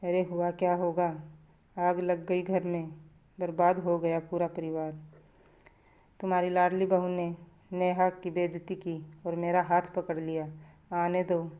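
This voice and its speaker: A woman voicing an angry, domineering middle-aged mother-in-law who scolds with shrill accusations. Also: completely flat delivery, unhurried, mellow, smooth, muffled recording, close to an everyday voice. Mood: furious.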